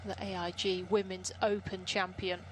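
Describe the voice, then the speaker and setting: A woman's voice: medium pitch, flat delivery, normal speed. A woman giving live golf commentary, describing shots and scores. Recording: clear outdoor ambient noise.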